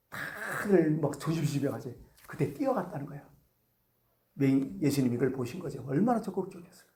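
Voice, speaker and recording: Man, pastor, conversational sermon, animated pitch, echoey church hall. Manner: conversational, lively, asks the congregation questions. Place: church sanctuary.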